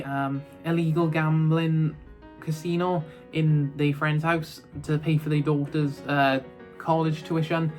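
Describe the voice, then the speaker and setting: A man reviewing films in a casual, rambling chat, full of fillers and restarts. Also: on the high side. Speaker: film reviewer.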